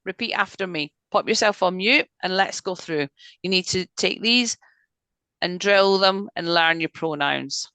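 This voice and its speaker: Bright-voiced woman teaching Spanish. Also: lowish voice, clear, resonant tone, dry recording. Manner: patient, drills words slowly and checks in with students. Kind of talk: online language lesson. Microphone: video call.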